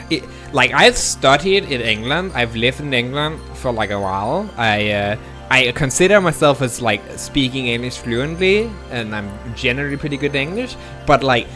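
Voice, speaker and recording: A Danish man, whose first language is Danish, chats casually in English as a live streamer. His mid-range voice is pushed and bright, and he rambles self-deprecatingly with frequent restarts.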